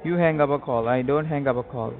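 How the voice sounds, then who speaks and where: A young man making a prank call, speaking halting, repetitive broken English. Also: medium pitch. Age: young adult. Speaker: prank caller. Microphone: telephone. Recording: tinny phone line.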